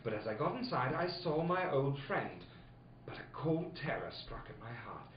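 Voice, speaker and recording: A man playing an anxious, loyal gentleman doctor in a comic old-time radio drama, narrating theatrically. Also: medium pitch, very animated, moderate pace, roomy sound, dull audio, crowd noise, close to an everyday voice. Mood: grave, dramatic.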